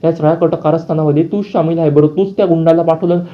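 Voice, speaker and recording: A fiery young manservant scolds without pause, indignant and loyal, as a man voices him in a serial recap. His voice sits a touch high. The audio is dull and lo-fi. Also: fairly even intonation, lightly acted. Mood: outraged. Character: angry loyal young male servant.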